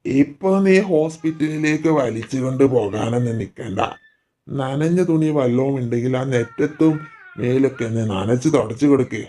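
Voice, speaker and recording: A man voicing a grumpy old grandmother in a doll story, nagging and sharp-tongued but sweet to the baby. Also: medium pitch, normal speed, lightly acted. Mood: grumbling.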